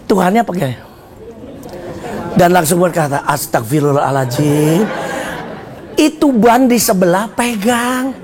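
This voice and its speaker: A man preaching a joking, animated sermon as pastor at a church service, shouting at times. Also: very high voice. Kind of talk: lively sermon.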